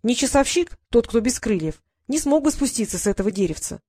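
A woman's voice: on the high side, very animated, fairly quick, mellow, dry recording. Smug mocking boy voiced by a woman reader, sarcastic, audiobook, dry close sound. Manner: sarcastic, needling. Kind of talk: audiobook character reading.

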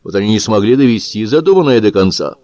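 A man's voice: fairly low pitch, expressive, fast talker, warm tone, no room sound, muffled recording, close to an everyday voice. A man reading as a heated Georgian man. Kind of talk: audiobook character reading.

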